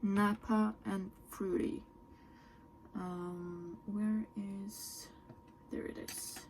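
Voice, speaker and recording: A Norwegian woman, whose first language is Norwegian, chats through a makeup tutorial as a beauty vlogger. Her gravelly, medium-pitched voice is slow and flat, soft, and often trails into a whisper. There's a little hiss or hum in the recording.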